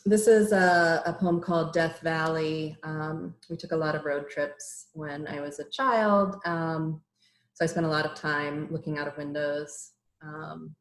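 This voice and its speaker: A middle-aged woman poet reading her poems aloud over a video call, introducing each one in a measured, hesitant way. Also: low voice. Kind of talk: poetry reading with short introductions. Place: home room on a virtual reading call. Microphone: computer mic on a video call. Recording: roomy echo.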